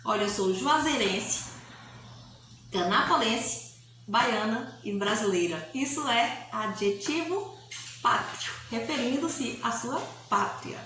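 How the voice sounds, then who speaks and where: In a recorded grammar lesson for pupils, a woman teacher with a Bahian Brazilian Portuguese accent explains things didactically, repeats key points, and often checks in with short tag questions. Her voice is fairly high, animated, a bit bright, and slow. The room is echoey, with faint hiss in the background.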